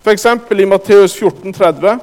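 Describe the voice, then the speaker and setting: A man's voice: high-pitched, darkish tone, big-room sound. A man preaching a sermon, speaking emphatically and addressing the congregation directly.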